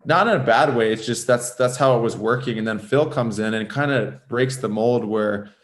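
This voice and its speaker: A former pro hockey player in his thirties from Southern California, with a medium-pitched voice at normal speed, guests on a casual podcast interview. He rambles, restarts often, and peppers his speech with "like".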